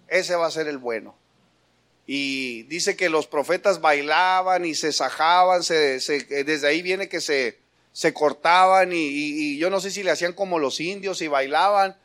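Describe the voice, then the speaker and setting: A man preaching a sermon, firing rhetorical questions at the congregation and calling them brother, building to emphatic passages. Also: a little high. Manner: rises to emphatic, louder preaching.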